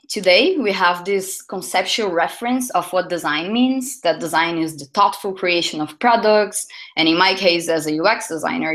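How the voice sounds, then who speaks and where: A woman's voice: fairly low pitch, fairly bright tone. Woman giving a chatty talk. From Brazil. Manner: chatty, self-correcting, lots of fillers. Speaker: conference speaker, UX designer. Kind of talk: conference talk.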